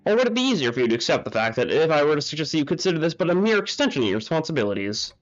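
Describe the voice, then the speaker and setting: A man's voice: fairly high pitch, sing-song, rapid-fire. A man voicing a cold, condescending male researcher who talks in a formal, lecturing way, heard on muffled audio with faint game music.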